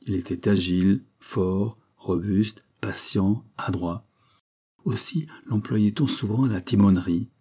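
A man narrating a classic sea adventure as a measured audiobook reading. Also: lowish voice, dark tone, slightly rough.

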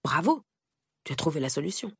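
A woman's voice: deep voice, very animated, a little fast, fairly bright tone, husky, dry recording, clean studio sound, full character voice. A woman voicing a harsh aunt who scolds her niece sternly and with contempt.

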